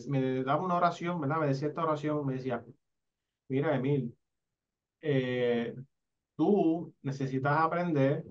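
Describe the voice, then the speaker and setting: A man from Rico, telling his life story in an interview, halting and restarting often and tagging his sentences with a question. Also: on the high side, far from the mic, muffled recording. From Puerto Rico. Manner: halting, with frequent restarts and a repeated tag question. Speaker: interviewee, sign language interpreter.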